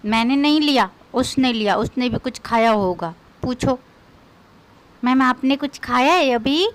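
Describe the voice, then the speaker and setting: A woman's voice: high-pitched, lively intonation, a little slow. A woman doing a comic rant in a scolding, mocking, quarrelsome way. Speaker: comedian.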